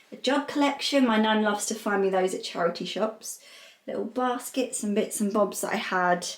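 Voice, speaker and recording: A young woman chats her way through a home vlog. She rambles happily with plenty of fillers, her voice sitting at an ordinary middle pitch, recorded close on a handheld camera indoors. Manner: chatty, rambling, many fillers. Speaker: lifestyle vlogger. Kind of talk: casual vlog chat.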